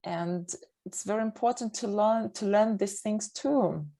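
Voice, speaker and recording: A woman on a video call, speaking English slowly and haltingly as a learner. She stops often to find the right words in a casual chat. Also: medium pitch, gravelly, mellow.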